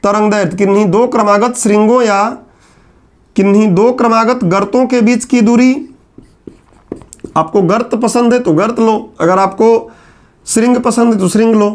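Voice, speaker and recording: A man with a very high voice gives a classroom lecture. He asks his students questions and then answers them himself. He slows down to repeat the key terms. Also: steady tone. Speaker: teacher.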